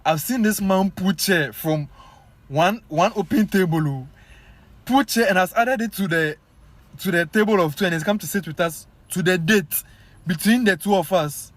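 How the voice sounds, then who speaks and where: A young Ghanaian man with a Ghanaian accent, telling a story to his viewers in an animated, casual way full of fillers. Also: high-pitched, normal speed, no echo. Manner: animated, many fillers, addresses viewers as guys. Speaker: vlogger.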